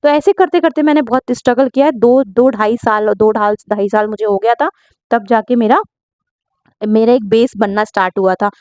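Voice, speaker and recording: A woman's voice: a little high, normal speed, darkish tone, dry recording. A young woman home baker, chatting earnestly as she answers viewers' questions in a casual vlog, often checking in with her listeners. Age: young adult.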